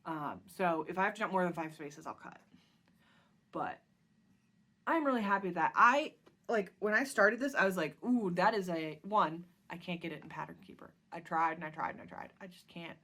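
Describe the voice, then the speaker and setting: A woman with a slightly low voice talks through her stitching projects in a loose, rambling show-and-tell. She fills the gaps with ums and restarts her sentences as she goes, like a relaxed chat at home. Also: normal speed. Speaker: cross-stitch vlog host.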